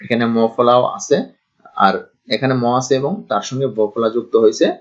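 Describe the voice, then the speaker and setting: Man teaching slowly on a dull recording. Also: mid-range voice. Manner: slow, deliberate, repeats example words. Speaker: Bengali grammar tutor. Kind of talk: online pronunciation lesson.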